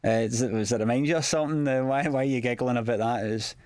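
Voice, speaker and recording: A man's voice: medium pitch, fairly even intonation, fast talker, darkish tone. A Scottish man giving casual DVD commentary on his comedy show, chatty and self-mocking, telling anecdotes in local slang.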